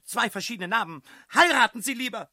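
A man's voice: very high-pitched, lively intonation, fairly quick, sharp tone, no room sound, studio quality, pitched above the performer's own voice, heavily acted. A man reading an audiobook voices a furious middle-aged housemistress who scolds and screams at her visitors. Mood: screaming.

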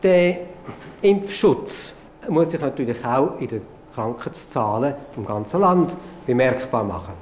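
A man's voice: mid-range voice, lively intonation, measured pace, darkish tone. A man, a pediatrician, speaking formally and measuredly. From Switzerland. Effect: 1950s TV broadcast archive sound. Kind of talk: formal statement on television. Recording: roomy, dull 1950s TV archive audio with faint hiss.

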